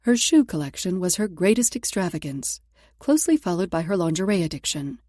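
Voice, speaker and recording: A woman's voice: fairly low pitch, big pitch swings, a little fast, mellow, no room sound, clean studio sound. A woman narrating romance fiction from a script in a sultry, intimate storytelling manner. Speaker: audiobook narrator.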